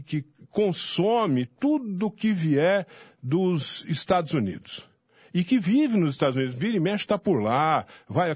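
A man's voice: fairly high pitch, a little mellow, husky, no room sound, studio quality. A man with a Brazilian Portuguese accent, a political commentator arguing indignantly in a heated on-air debate and repeating his point. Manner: indignant, insistent, repeats himself.

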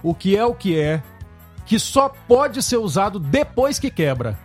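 A high-pitched man with a Brazilian accent talks over some music. He hosts a radio show in a casual, teasing style. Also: sing-song, measured pace.

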